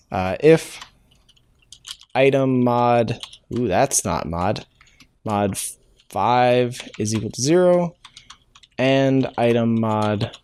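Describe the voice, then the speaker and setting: A man of medium pitch and darkish tone runs a casual programming tutorial, coding live and narrating his thoughts. Frequent "uh" fillers and self-corrections mark his speech, with keyboard typing, clicks and slight background noise behind him.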